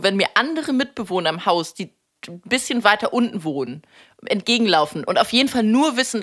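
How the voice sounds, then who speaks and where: A woman's voice: medium pitch, fairly bright tone. A woman co-hosting a casual comedic chat, talking candidly and mocking herself with laughs. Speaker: podcast co-host.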